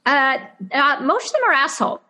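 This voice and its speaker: Very animated and fairly quick, this woman's high-pitched voice has a bright, forceful tone. An actress and screenwriter from a Zimbabwean background by accent, she fields interview questions casually, hesitantly, with plenty of fillers, restarts and laughs.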